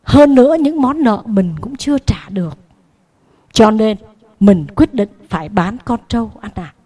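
A worried poor farm wife and mother, insistent and urgent, pressing her husband in a spoken moral tale, as a woman preacher acts her out. Her voice is fairly high and pushes forward. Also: expressive, a little slow, warm tone, breathy edge.

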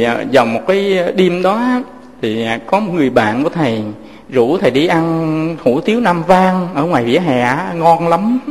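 A man, a Buddhist teacher preaching gently to listeners he calls his children and telling moving stories. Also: fairly high pitch, in a large hall. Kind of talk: sermon with storytelling.

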